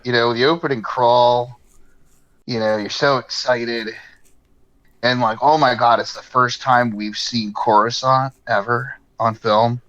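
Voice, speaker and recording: A man's voice: mid-range voice, steady tone, unhurried, fairly bright tone, dull audio. A man in casual podcast chat, rambling along, swearing freely and laughing often. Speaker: podcast co-host.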